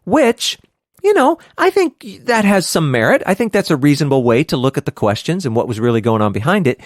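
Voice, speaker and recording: A man co-hosting a casual Bible study podcast, animated and quick to laugh, with hammy outbursts. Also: on the high side, dry recording, studio quality. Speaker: podcast co-host teaching scripture.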